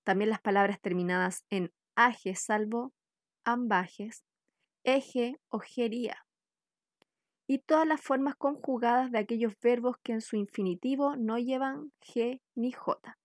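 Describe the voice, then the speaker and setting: A woman from Chile giving a scripted spelling lesson, reading out example words one by one in a slow, deliberate way. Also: on the high side, no echo, studio quality. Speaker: workshop teacher.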